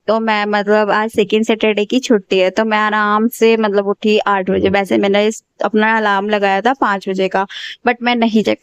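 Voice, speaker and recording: A woman in her twenties talks through her day in a loose, chatty vlog style, often circling back and correcting herself mid-sentence. Her voice is smooth and clean. The recording is dry, with no room echo. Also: mid-range voice. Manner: chatty, rambling, frequent self-corrections. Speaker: exam aspirant vlogger. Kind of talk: casual daily study vlog narration.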